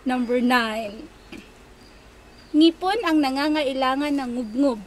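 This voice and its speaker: A woman's voice: sits high, measured pace. A woman with a Filipino accent, playfully coaching tongue twisters, correcting and repeating words like a teacher. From Philippines. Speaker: wife hosting a tongue twister challenge. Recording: noisy home-video recording.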